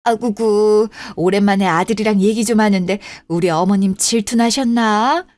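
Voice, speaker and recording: A woman's voice: medium pitch, normal speed, no room sound. A voice actress playing a patient, placating daughter-in-law and mother in a radio drama. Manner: gentle, placating. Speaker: voice actor. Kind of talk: Korean radio drama acting.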